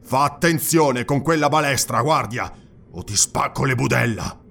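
A man voicing a defiant barbarian warrior who speaks gruffly in an audiobook. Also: medium pitch, moderate pace, a bit bright. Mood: threatening.

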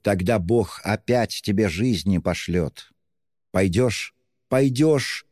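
Man voicing a devout young woman, pleading and fervent, raised pitch, long reverb tail; audiobook. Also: big pitch swings, slow pace, a little mellow, slightly rough, studio quality, full character voice. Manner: pleading, exclamatory. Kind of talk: audiobook reading.

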